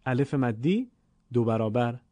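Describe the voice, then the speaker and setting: In a dry recording, a Persian-accented man with a mellow, mid-range, animated voice teaches the vowel lengths of Quranic Arabic as in a classroom. He takes his time, drawing out each sound and repeating it slowly and with deliberate care.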